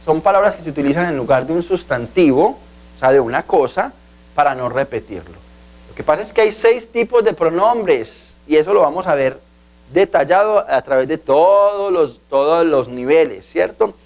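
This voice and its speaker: Male tutor, slightly raised pitch, patient and repetitive classroom delivery. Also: darkish tone. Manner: patient, repeats key words and asks "¿sí?". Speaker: language teacher. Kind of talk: video language lesson.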